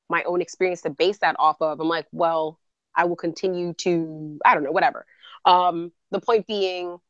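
A woman's voice: lowish voice, no room sound, lo-fi sound. A woman co-hosting a podcast, talking candidly and reflectively in casual chat, laughing often. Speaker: podcast co-host.

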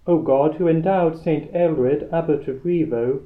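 A man leading Mass as a priest, reciting prayers in a solemn, measured way with a cathedral echo. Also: fairly high pitch. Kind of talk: liturgical prayer, chanted-like recitation. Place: large church. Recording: tinny, echoey church recording.

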